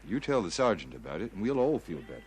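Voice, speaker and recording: Deep, folksy frontier scout. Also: male voice, very animated, fast. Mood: reassuring. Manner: folksy, reassuring. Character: calm, loyal, plain-spoken frontier scout. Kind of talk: television period drama acting.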